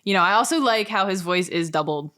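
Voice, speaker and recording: A woman's voice: medium pitch, animated, fairly quick, a bit bright. A woman chatting casually as a podcast guest, filling her talk with "like". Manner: chatty, many "like" fillers, laughs often. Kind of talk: casual chat.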